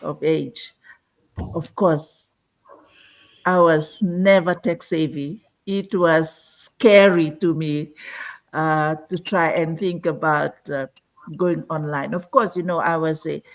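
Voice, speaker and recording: A woman's voice: deep voice, steady tone, slow pace, low-quality recording. A woman in her sixties from Fiji, a guest on an online live-stream interview, telling her story earnestly and filling her sentences with "you know". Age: 60s. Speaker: guest entrepreneur.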